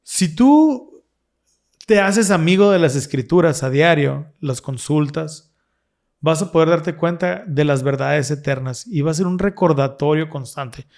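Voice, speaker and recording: Man, higher-pitched voice, earnest explaining, casual faith chat. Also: a little slow, creaky, a little mellow. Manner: earnest, explaining with frequent restarts. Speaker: podcast co-host. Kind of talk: casual religious discussion.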